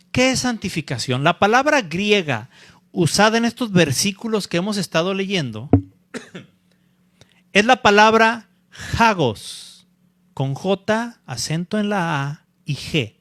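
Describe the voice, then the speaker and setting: A male pastor preaching a sermon, deliberate and repeating key points, often checking in with a quick "¿sí?". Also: high voice, big pitch swings, fairly bright tone, no echo. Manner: deliberate, checks in with the congregation by asking "¿sí?"; repeats key phrases for emphasis.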